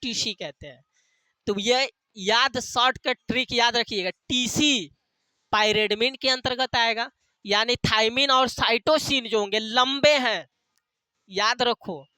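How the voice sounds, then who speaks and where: Slow, bright-voiced male teacher. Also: extremely high pitch, clean tone, no room sound. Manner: asks questions and answers them himself, repeats key terms; uses jokey memory tricks. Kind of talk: classroom lecture with call-and-response questions.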